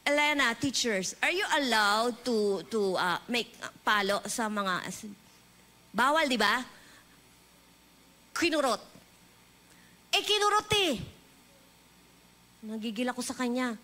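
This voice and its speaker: A woman preacher with a Filipino accent giving a lively sermon in a church, mixing English and Filipino and leading the congregation in prayer. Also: on the high side, slow pace, pauses often. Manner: animated, leads the congregation in call-and-response prayer. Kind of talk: bilingual sermon. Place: church hall.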